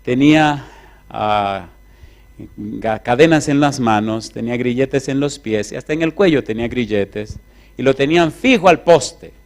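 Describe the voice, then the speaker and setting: Male preacher, sermon storyteller, mid-pitched voice, animated and drawn-out.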